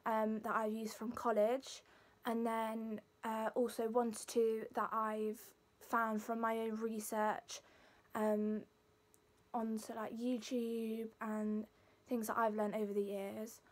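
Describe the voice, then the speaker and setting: Here a young adult singing student with a Leicester accent walks through vocal warm-ups in a relaxed way for the camera. She talks slowly, in a fairly high voice that stays monotone.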